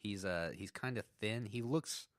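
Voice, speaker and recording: Speaking a little slowly in a lowish voice, a male podcast co-host talks casually about an episode. The dry, studio-quality recording catches his frequent laughter and his stumbling restarts as he reads out trivia.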